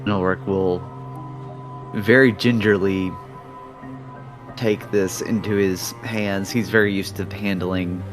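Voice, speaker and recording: A man describing his character in a tabletop game, speaking in a measured, gentle way. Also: low voice, steady tone, soft background music. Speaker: player.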